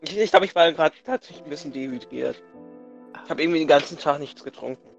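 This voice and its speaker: A man's voice: on the high side, quick pace, creaky, soft background music. A man co-hosting a casual chat in a dry, laid-back joking way, with his microphone overdriven so his voice clips and distorts. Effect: clipping, overdriven distorted mic. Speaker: podcast co-host.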